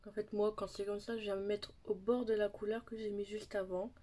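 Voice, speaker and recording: A young woman casually talking through a makeup tutorial, chatty, sometimes dropping into soft asides and near-whispers. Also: mid-range voice, little pitch movement, a little fast. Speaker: beauty vlogger.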